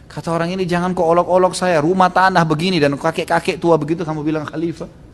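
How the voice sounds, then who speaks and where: A man preaching an Islamic sermon, telling a story with lively quoted dialogue. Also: fairly high pitch, quick pace. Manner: animated storytelling, voicing quoted figures. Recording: long hall reverb.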